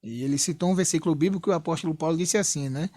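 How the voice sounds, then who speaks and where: Racing along in a fairly high but dark-toned voice, this young church member shares his testimony with no room sound. His Brazilian Portuguese accent colors an earnest, repetitive retelling sprinkled with asides and "né?".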